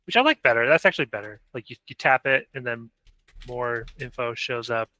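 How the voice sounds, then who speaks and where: A man with a bright, sharp-edged voice chats casually at a game studio meeting. He muses aloud and reacts quickly, at a medium pitch. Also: no echo. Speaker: game developer. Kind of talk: casual work meeting discussion.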